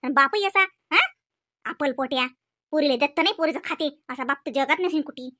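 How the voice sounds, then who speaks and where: A shrill, very high, bright voice belongs to a scolding village mother in a cartoon comedy, played by a woman. She nags relentlessly in a Vidarbha Marathi accent, peppering every jab with a demanding "हा?". The sound is close and dry, with no room around it. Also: a little fast, no echo. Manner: scolding, nagging, repeating "हा?". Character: sharp-tongued scolding village mother, middle-aged.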